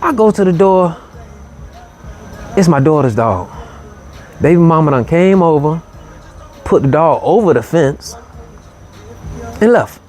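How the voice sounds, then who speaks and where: A man hosting a late-night show, telling a story in a relaxed, easygoing way, with lots of "you know" and "man". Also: fairly high pitch, takes it slowly, long pauses, soft background music. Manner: laid-back, drawling, full of "you know" and "man". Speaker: host.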